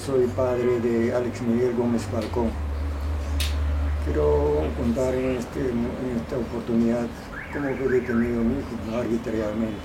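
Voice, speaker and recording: A middle-aged man from Peru speaks in a measured way, pausing and searching for words as he gives his testimony. Steady background ambience is clearly heard beneath his voice. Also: medium pitch, noisy background. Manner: measured, with pauses and fillers. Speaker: father of a detained student. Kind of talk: testimony to camera.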